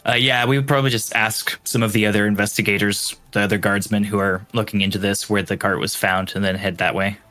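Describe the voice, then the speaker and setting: A man's voice: on the low side, flat delivery, fast, few pauses, sharp tone, faint music behind. A man playing a tabletop role-playing game, talking casually through his character's moves and questions.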